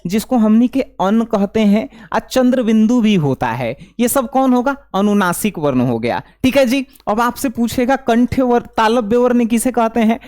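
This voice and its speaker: A man's voice: very high voice, expressive, moderate pace, few pauses, darkish tone. A young man teaches an exam-prep grammar class. He repeats each rule and keeps asking the students if they understood.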